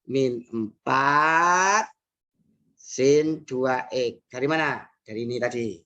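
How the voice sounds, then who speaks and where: In a recorded classroom math lesson, a woman with an Indonesian accent works patiently through problems, repeating key phrases and often saying "nah" and "hmm." Her voice is very deep yet fairly bright, she takes it slowly, and the recording is muffled.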